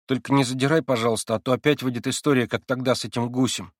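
A man's voice: medium pitch, steady tone, fast talker, dry recording, clean studio sound, close to an everyday voice. A man voicing a cocky, bossy schoolboy who teases and lectures in a storybook reading. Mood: brash lecturing. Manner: brash, teasing, lecturing.

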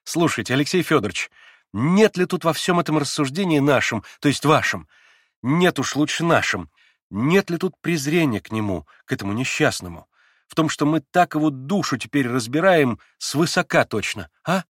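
A man voicing an excitable teenage girl. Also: on the high side, no echo, studio quality, pitched above the performer's own voice. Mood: agitated. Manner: quick emotional swings, sometimes whispering. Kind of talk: audiobook character reading.

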